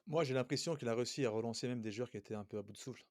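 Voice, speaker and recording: A man co-hosting a casual podcast discussion, lively and slangy, quick with agreeing interjections. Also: medium pitch, dry recording, clean studio sound. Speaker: podcast co-host.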